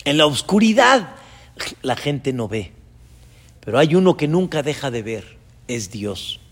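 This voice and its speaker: A man, a rabbi preaching a sermon with dramatic storytelling and sudden loud rises. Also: mid-range voice, big pitch swings, unhurried.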